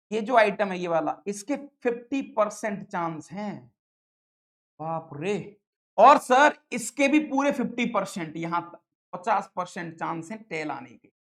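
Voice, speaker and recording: Probability is the topic as a female online maths teacher delivers a spirited, playful lesson to exam candidates. She speaks in a mid-range voice and refers to her students as sir and dada.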